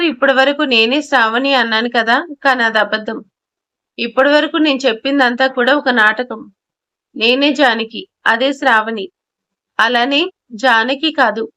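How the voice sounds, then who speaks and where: A woman's voice: fairly high pitch, pushed and bright. A woman voicing a scheming young woman who poses as her twin sister.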